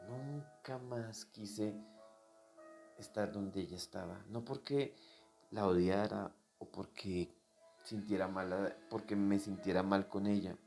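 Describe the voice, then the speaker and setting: A man preaching a sermon, telling his own story straight to the listener, dropping to a hush and then rising to loud, emphatic peaks. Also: lowish voice, steady tone, takes it slowly, gravelly, soft background music. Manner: personal testimony addressed directly to the listener.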